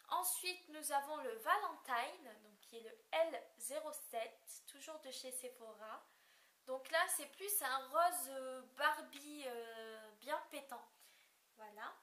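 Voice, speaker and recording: A woman's voice: high voice, sharp tone. A young woman chatting casually in a haul video, hesitant and full of fillers. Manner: hesitant, many fillers, apologetic about describing colors. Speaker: beauty vlogger. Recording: echoey room with faint hiss.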